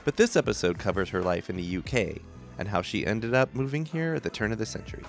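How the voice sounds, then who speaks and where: A man hosting a podcast interview, curious and playful, swearing casually in relaxed chat. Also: fairly low pitch, fast talker, creaky, soft background music. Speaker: podcast host.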